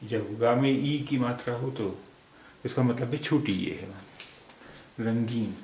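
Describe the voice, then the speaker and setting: Speaking at a measured pace, this Indian man has a mid-range, slightly mellow voice with vocal fry. As a language teacher he works slowly through letters and words, explaining patiently and repeating each one three times, in an echoey room with faint background noise.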